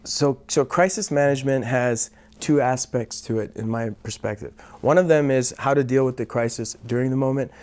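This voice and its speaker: A man in his thirties, a martial arts teacher, telling a lively story as an interview guest. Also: mid-range voice, moderate pace, clean tone. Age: 30s. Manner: lively, builds up the tension of the story. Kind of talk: animated storytelling.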